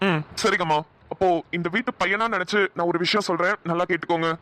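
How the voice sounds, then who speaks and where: A man's voice: sits high, fairly even intonation, fast, pushed and bright. A man voicing male family characters in a cartoon comedy, speaking earnestly.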